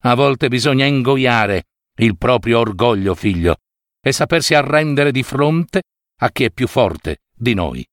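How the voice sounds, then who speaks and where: A man voicing a wise father stag who gently consoles his son in a storybook fable. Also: mid-range voice, animated, measured pace, no echo, clean studio sound. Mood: gentle.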